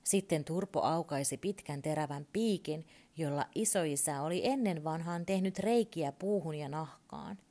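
A woman calmly and expressively reading a children's story aloud. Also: low-pitched.

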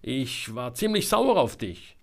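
A dry, matter-of-fact young woman reporter, calm and a little annoyed, as a man reading a story puts her on. The delivery is unhurried, with a lively rise and fall. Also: medium pitch, gravelly, heavily acted.

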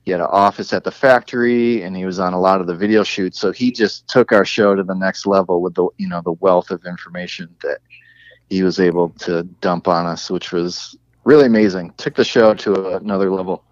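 A man in his forties from western New York, chatting casually as a podcast guest, easygoing and halting with frequent fillers. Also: low voice, steady tone, dry recording, highs cut off. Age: 40s.

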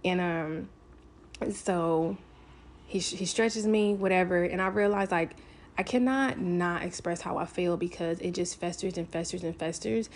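A woman's voice: fairly low pitch, unhurried. A woman talking candidly to camera, telling a personal story in a casual, frank way, swearing freely and filling with "like".

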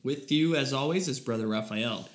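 A man's voice: medium pitch, normal speed. A man co-hosting a casual religious chat podcast, playful and rambling, often laughing. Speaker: podcast co-host. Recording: echoey room.

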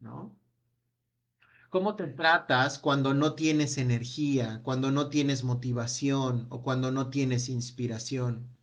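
A man leading a self-help workshop, asking a long run of gentle reflective questions that trail off with a quiet "no?". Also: mid-range voice, slow pace. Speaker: workshop speaker.

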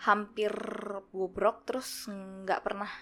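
A woman's voice: mid-range voice, slow pace. Young woman telling a ghost story. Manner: animated, acts out quoted voices. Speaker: guest storyteller.

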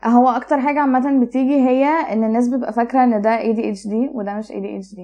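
Egyptian arabic accent lady, soft mellow tone, chatty expert guest, flips between arabic and english. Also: on the high side, fairly even intonation, fast, dull audio. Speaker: guest expert, child psychologist. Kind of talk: casual explanatory chat, mixing Arabic and English.

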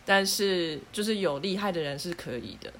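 A woman's voice: fairly low pitch, moderate pace, a bit bright, a little hiss or hum. A woman hosting a casual podcast, explaining foods in a playful, teasing way. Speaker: podcast host.

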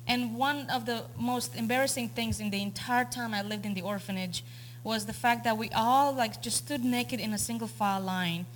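A woman's voice: a little high, normal speed, a little hiss or hum. A young woman from Romania with a Romanian accent, giving a personal testimony as a guest speaker, earnest and storytelling with frequent ums.

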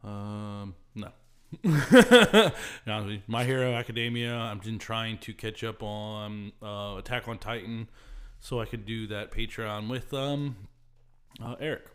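A man co-hosting a casual podcast, teasing his partner with short jokes and giggling often. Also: lowish voice. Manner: teasing, giggly, quick one-line interjections. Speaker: podcast co-host. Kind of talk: casual chat.

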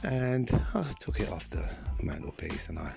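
An older man, telling personal memories in a reflective, halting way and repeating phrases for emphasis. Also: low-pitched, expressive, vocal fry, faint music behind. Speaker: podcast host. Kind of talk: personal storytelling monologue.

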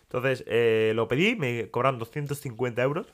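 A man telling a long anecdote in casual chat on a podcast, acting out the dialogue as he goes. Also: mid-range voice. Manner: rapid storytelling with quoted dialogue. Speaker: podcast co-host.

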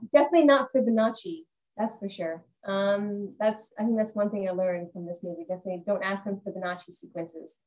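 A woman co-hosting a casual podcast chat about a film, talking in an animated, chatty way. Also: mid-range voice, a little fast, poor audio. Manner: chatty, animated, laughs often. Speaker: podcast co-host. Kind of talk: casual movie discussion.

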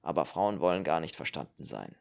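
A man's voice: a bass voice, lively intonation, brisk, gravelly, pitched below the performer's own voice, exaggerated voice. A man voicing a world-weary, cynical male politician with dry, sardonic remarks in an audiobook. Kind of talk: audiobook character reading.

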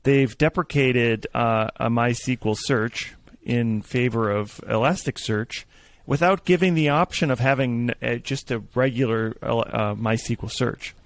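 A man's voice: mid-range voice, slow pace. A man in casual tech discussion, rambling with fillers and restarts and a dry sarcastic streak.

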